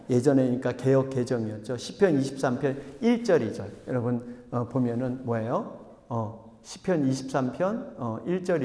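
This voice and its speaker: A male pastor preaching a sermon, telling stories with animation and speaking directly to his congregation. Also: medium pitch. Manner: animated storytelling, addresses congregation. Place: church sanctuary. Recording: echoey church hall.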